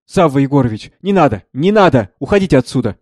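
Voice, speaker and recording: A man reading the part of a timid young monastery novice, pleading in a hushed, anxious way. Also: mid-range voice, very animated, quick pace, no room sound, clean studio sound.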